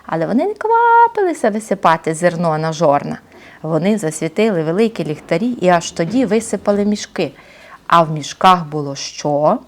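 A woman reading a fairy tale aloud to children, lively and pausing to ask them questions. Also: fairly low pitch. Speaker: storyteller for children. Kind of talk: expressive children's story reading.

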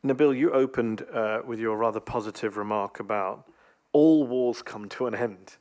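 A man's voice: medium pitch, normal speed, a little mellow. A man in his thirties with an English accent, moderating a conference panel with probing questions at a table microphone. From England.

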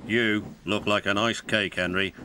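A man's voice: on the low side, steady tone, unhurried, slight background noise, pitched below the performer's own voice. A man voicing a stern, pompous railway boss. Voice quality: formal, commanding. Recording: narration over loud music.

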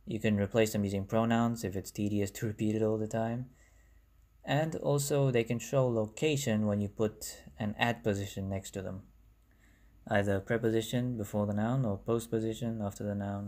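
Chatty and self-correcting, this young language explainer narrates a casual lesson over slides. He has a South African accent, speaks Bangla natively, and was recorded on a phone. His pitch is fairly low and his tone darkish.

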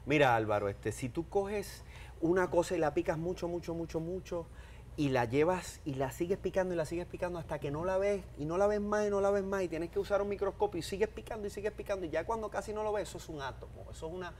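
A man, an interview guest telling an anecdote with lively acted-out dialogue. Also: high voice, fast talker, slight background noise. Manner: animated storyteller, acts out dialogue.

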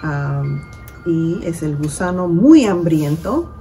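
Slow, mellow-voiced woman leading storytime. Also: deep voice, lively intonation, faint music behind, low-quality recording. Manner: slow, drawn-out syllable counting for children; switches between English and Spanish. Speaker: children's librarian. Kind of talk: bilingual storytime reading. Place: library.

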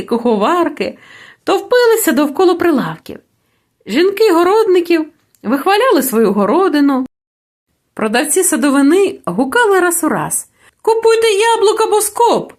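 Expressive woman reading a fairy tale. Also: high-pitched. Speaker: audiobook narrator. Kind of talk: storybook narration.

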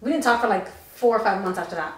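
A young adult woman from Tennessee co-hosts a podcast from a green couch in a living room, telling stories in a fast, profane, animated way during casual storytime chat. Her mid-range voice sounds reverberant.

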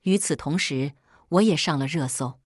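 A woman's voice: low-pitched, moderate pace, slightly rough, no room sound, studio quality. A woman narrating a first-person drama story and reading every character's lines in her own voice.

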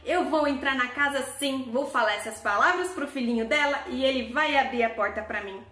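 A woman's voice: high voice, a little fast, pushed and bright, roomy sound. A woman voicing a sly, wicked male wolf in a children's story, sneering and gloating.

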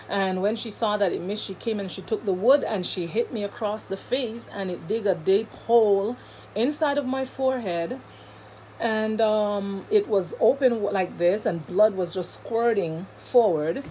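A woman minister giving a personal testimony, talking in an earnest, halting way with many repeats and fillers. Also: mid-range voice, a little mellow, a little hiss or hum, low-quality recording.

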